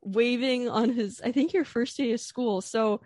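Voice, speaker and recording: A woman's voice: a little high, measured pace, a little mellow, no echo, studio quality. Chatty, nervous young woman host. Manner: nervous, chatty with many fillers and restarts. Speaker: podcast host. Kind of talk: casual interview.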